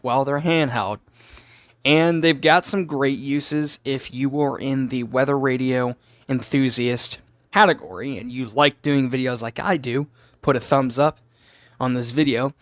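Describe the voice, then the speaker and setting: A man with a voice on the high side gives a casual, unscripted hands-on gadget review as a hobbyist, filming on a phone camera he holds while demonstrating. He explains as he goes, asking and answering his own questions. The sound is studio quality with no echo.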